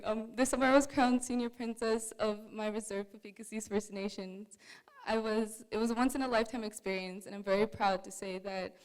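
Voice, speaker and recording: Young woman, smooth clear voice, mid pitch, earnest and measured, reading aloud. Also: low-quality recording. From Canada. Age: young adult. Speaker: speaker at a museum talk. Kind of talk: reading a prepared personal story.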